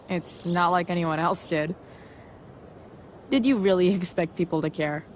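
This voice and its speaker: A woman's voice: on the low side, a little slow, slight background noise, lightly acted. A woman playing a sardonic, rebellious teenage girl in a video game, talking in sarcastic, casual slang. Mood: mocking.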